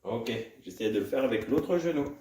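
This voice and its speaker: A man leads a home gym class for little children, his cheerful, sing-song voice pitched right in the middle. He is set back from the microphone. The room gives his voice a clear echo. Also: animated, moderate pace, dark tone, slight background noise. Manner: cheerful, sing-song, demonstrating while moving. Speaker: kids' gym coach. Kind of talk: instructional talk to small children. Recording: echoey room, distant from mic.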